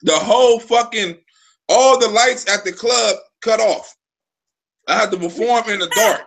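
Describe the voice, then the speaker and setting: In his forties, a live show host chats casually on a live stream, spinning loose, profane stories that keep restarting. His voice sits high, creaky and fairly bright, and he takes his time.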